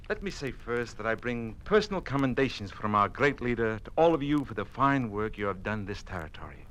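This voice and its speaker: In an old radio drama, a male actor plays a smoothly menacing Soviet party envoy, formal, condescending and commanding. His mid-range voice is a bit bright, and the audio is poor.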